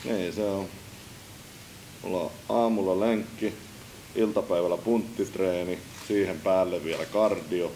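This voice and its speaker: A man talking casually in a documentary interview, relaxed and chatty with frequent fillers. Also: sits low, slight background noise, rough recording. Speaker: entrepreneur, artist and athlete.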